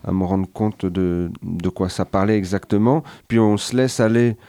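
A man hosting a radio interview, his voice very low and mellow. He hesitates often and fills gaps with fillers. The studio sound is dry and close. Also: moderate pace, no room sound. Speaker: radio host.

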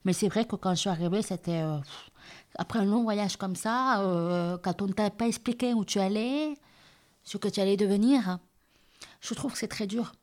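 A woman in her thirties, from southern India and raised in France, telling her life story in a hesitant way with many pauses and restarts. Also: medium pitch. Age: 30s. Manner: hesitant, many fillers and restarts, soft-spoken. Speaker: interviewee. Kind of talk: personal testimony.

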